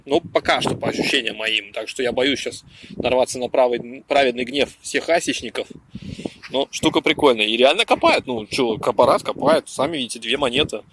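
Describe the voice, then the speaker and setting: A man chatting excitedly and haltingly for a casual outdoor vlog, swearing in slang, with strong wind blowing on the mic. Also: mid-range voice. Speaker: metal detecting vlogger. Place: outdoors in a windy open field.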